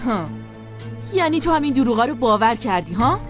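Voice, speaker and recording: Dub drama: a scolding mother, high, lively voice, soft music behind. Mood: angry. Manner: scolding and urgent. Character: angry, protective mother forbidding her daughter's marriage. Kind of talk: dubbed TV drama.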